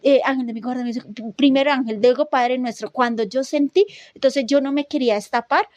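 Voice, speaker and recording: A woman telling a frightening personal story in casual podcast talk, animated and full of restarts, acting out her own reactions. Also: high voice, brisk, no echo, dull audio.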